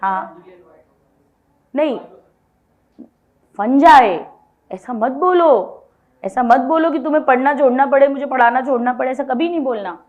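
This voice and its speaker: A woman's voice: high voice, measured pace, long pauses, narrow, tinny audio. A woman biology teacher giving an exam-prep lecture, mixing Hindi with English terms and having students repeat names after her. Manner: drills mnemonics, has students repeat names aloud.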